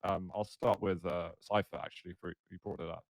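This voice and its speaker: A man's voice: low voice, fairly even intonation, fairly quick, creaky, dry recording. A man in his thirties hosting a podcast interview, friendly and steering the talk with questions. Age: 30s. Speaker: podcast host.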